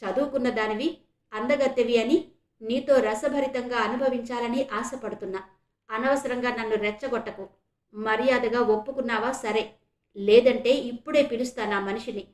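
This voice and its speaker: Fake holy man, male, sly and threatening, read by a woman storyteller, echoey room, audiobook. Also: extremely high pitch. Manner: coaxing then threatening.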